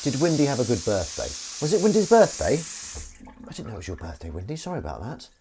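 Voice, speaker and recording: A man's voice: mid-range voice, huge pitch swings, fast, mellow, slight background noise. A man chatting casually on a live stream while washing up at his kitchen sink, rambling and self-deprecating.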